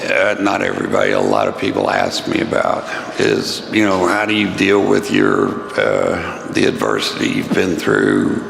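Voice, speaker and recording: A man with a raspy, gravelly voice giving an informal motivational keynote in a halting, rambling, self-deprecating way. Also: low voice, very animated, fairly bright tone. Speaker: keynote speaker. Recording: echoey room with clear noise.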